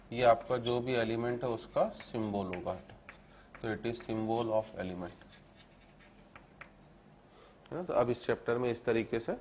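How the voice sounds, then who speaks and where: Man, classroom lecture, repeats lines for dictation, faint background noise. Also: medium pitch. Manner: repeats phrases slowly for dictation, keeps asking "theek hai na"; calls students "beta", explains step by step. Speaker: school chemistry teacher. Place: classroom with students.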